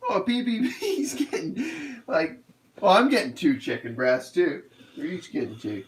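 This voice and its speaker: A man's voice: high voice, animated, unhurried, low-quality recording. Rambling man hosting a cooking stream. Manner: rambling, easygoing, explains each step. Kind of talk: casual cooking demonstration.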